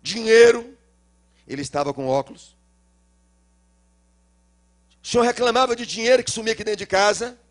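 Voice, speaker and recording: A middle-aged male pastor with a Minas Gerais accent, preaching a sermon and acting out the dialogue of a story, swinging between loud cries and low murmurs. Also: lively intonation, normal speed, pauses often. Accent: Brazilian Portuguese, Minas Gerais. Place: church.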